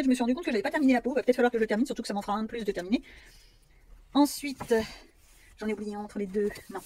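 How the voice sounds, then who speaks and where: A woman's voice: fairly high pitch, a little mellow, slight background noise. A woman vlogger chatting casually about her coloring books, self-mocking and rambling with fillers.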